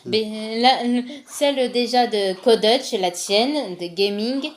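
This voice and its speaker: A woman's voice: a little high, slow. A woman hosting her own vlog, rambling and teasing her boyfriend in casual chat. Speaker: channel host.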